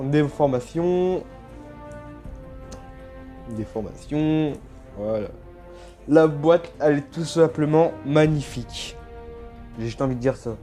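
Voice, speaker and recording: A man giving casual, excited unboxing commentary, gushing and exclaiming often with lots of slang, recorded on a phone. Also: a little high. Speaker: toy unboxing vlogger.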